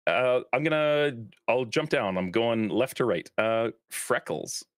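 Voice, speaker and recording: A man running a live-streamed tabletop game as dungeon master, talking in a relaxed way with lots of fillers and easy laughter. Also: mid-range voice, measured pace, no echo, clean studio sound.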